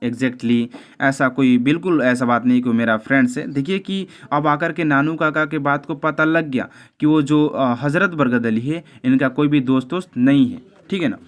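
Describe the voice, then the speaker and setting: A man's voice: medium pitch, normal speed, few pauses. A man teaching an English lesson, explaining it in Hindi. He speaks hesitantly, with frequent filler sounds, stumbles over the English lines and talks to his viewers as friends.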